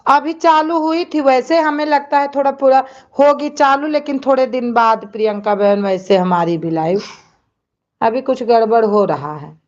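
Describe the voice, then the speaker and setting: A woman's voice: high-pitched, moderate pace, dull audio. A woman hosting a casual live stream, chatting with viewers and scolding and soothing children in between.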